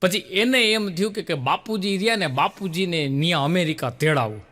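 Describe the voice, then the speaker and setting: Man, high voice, bright and forceful, lively stand-up joke teller. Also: moderate pace, long reverb tail. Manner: lively storyteller, acts out characters with pitch jumps. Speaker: stand-up comedian telling jokes. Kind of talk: Gujarati folk-style joke telling.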